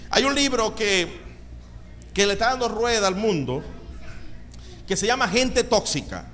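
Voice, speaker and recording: A male pastor preaching a sermon with animated delivery and calls of amen, recorded in a church sanctuary. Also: high voice, unhurried, a little hiss or hum. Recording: reverberant hall with faint ambience.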